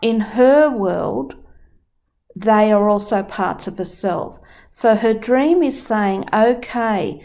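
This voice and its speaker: Slow-spoken woman teaching dream work. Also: mid-range voice, lively intonation, gravelly, a little mellow. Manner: talks through a client example step by step. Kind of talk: explaining a dream-work session.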